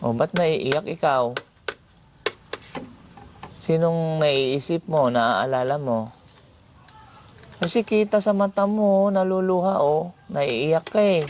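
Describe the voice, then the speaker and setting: A man hosting a vlog, gently asking question after question. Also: on the high side, takes it slowly, long pauses. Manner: gentle, repetitive coaxing questions. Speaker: vlogger host. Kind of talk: casual vlog chat, coaxing questions. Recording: noisy background.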